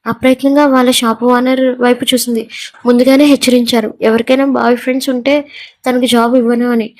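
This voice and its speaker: A woman narrating a serialized romance story in a steady, even reading voice. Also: on the high side, brisk.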